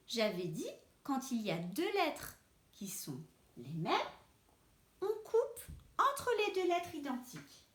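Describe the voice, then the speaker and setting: A woman's voice: high-pitched, echoey room. A woman teacher giving a spelling lesson to children, patiently sounding out words syllable by syllable. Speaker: primary school teacher.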